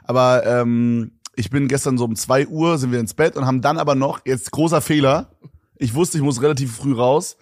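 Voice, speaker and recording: A man's voice: mid-range voice, normal speed, no room sound, studio quality. A young man co-hosting a podcast, telling a rambling story in slangy casual chat and laughing often. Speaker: podcast co-host.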